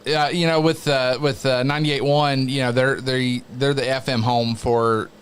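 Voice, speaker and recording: A man's voice: medium pitch, little pitch movement, normal speed. An American man telling career anecdotes as an interview guest, in casual conversation. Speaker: wrestling announcer and radio veteran, interview guest. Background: background noise, wrestling show playing on a TV.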